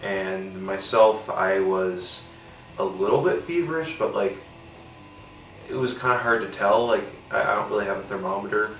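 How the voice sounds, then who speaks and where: A podcast host with a cold-congested, nasal voice chats casually on his own while tasting a beer, rambling with plenty of fillers and casual swearing. His pitch is fairly low and his pace moderate. The poor-quality audio is echoey and distant, with faint music behind him.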